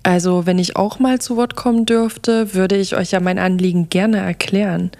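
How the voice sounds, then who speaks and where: A woman voicing a calm, persuasive male vampire in an audio story, speaking softly and at times hushed. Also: medium pitch, normal speed, natural voice. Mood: wry.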